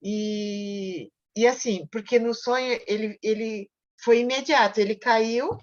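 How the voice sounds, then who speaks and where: A woman's voice: a little high, unhurried. A woman with a Brazilian accent in a Bible study, chatting and telling a personal story, often asking "right?". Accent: Brazilian Portuguese. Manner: chatty, tag questions, repeats words. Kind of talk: casual discussion and personal storytelling. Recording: muffled lo-fi recording.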